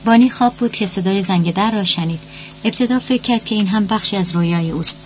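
A woman reading a novel aloud as a measured audiobook narrator. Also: medium pitch. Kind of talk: scripted narration. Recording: dull lo-fi audio with hiss.

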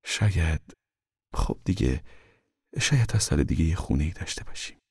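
A man voicing a calm, wise mother who speaks softly and reassuringly, almost in a whisper, in an audiobook. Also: low-pitched, husky, dry recording, studio quality, full character voice. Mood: gentle, reassuring. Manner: soft, soothing, half-whispered. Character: calm, wise, steady mother of a poor family. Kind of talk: audiobook character reading.

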